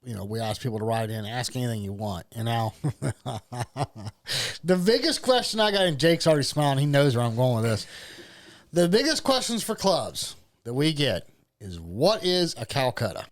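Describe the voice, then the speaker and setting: A man's voice: medium pitch, big pitch swings, normal speed. A man with an Ohio accent co-hosting a podcast, joking and rambling with restarts in casual chat. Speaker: podcast co-host.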